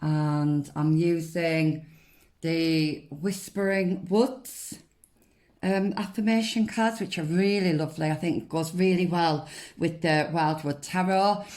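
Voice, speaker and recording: A woman giving a casual spiritual card reading in a gentle, reassuring, hesitant way. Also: on the low side, steady tone, slow. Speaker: tarot card reader and host.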